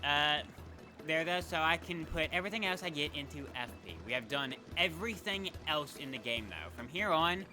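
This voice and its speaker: This let's play gamer sounds a little high and animated, speaking at normal speed. Over game music, he chats loosely about his gameplay and regularly stops to correct himself mid-sentence.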